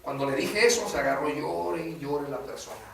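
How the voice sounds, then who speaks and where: A man's voice: on the high side, lively intonation, normal speed, creaky, slight background noise. A man preaching a sermon in a casual way, often calling the listener "brother" and asking "right?". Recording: echoey room, voice from a distance.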